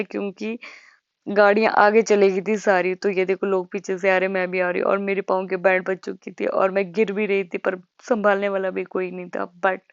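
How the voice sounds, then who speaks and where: A woman's voice: lowish voice, no echo, highs cut off. A young woman from India narrating her travel vlog in a chatty, self-mocking way, talking straight to her viewers. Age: young adult. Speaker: travel vlogger.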